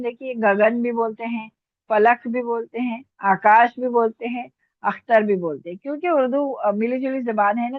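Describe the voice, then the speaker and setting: Woman, patient online language teacher, repeats and quizzes, higher voice; dry, phone-thin audio. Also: no room sound, phone-quality sound. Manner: patient, repeats words and asks questions. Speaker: Urdu teacher. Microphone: online class call.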